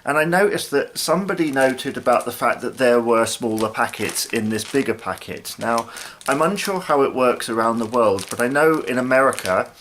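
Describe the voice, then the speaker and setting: A man's voice: medium pitch, animated, moderate pace, fairly bright tone, a little hiss or hum. A British man in his thirties chatting casually to camera as a review host, thinking aloud a little hesitantly. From United Kingdom. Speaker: snack review video host. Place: small living room, indoors.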